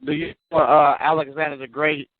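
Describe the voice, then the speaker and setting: A man's voice: a little high, little pitch movement, dry recording. Guy calling in on a choppy bad connection, tinny phone sound, stumbles through his question. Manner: halting, many fillers and restarts. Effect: bad, choppy phone connection breaking up. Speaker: caller. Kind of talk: call-in question on talk radio.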